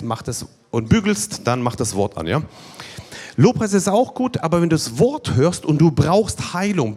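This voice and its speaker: A man's voice: on the high side, a little mellow. Guy preaching a healing sermon, voice jumps all over, keeps repeating himself for emphasis. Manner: emphatic, repeats key phrases, counts points.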